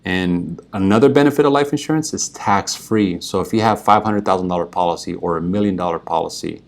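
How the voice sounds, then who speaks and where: A man with a slightly low voice speaks as a financial advisor, explaining his services directly to the viewer. His delivery is earnest and persuasive, and he keeps checking in with the listener through little "right?" and "okay" asides. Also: a little fast, creaky.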